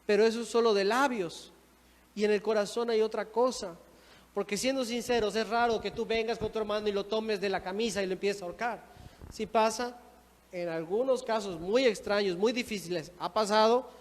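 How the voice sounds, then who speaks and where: A man's voice: high-pitched, steady tone, brisk. A man, a minister preaching a sermon with rising emphasis and acted-out quotes. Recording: church hall reverb.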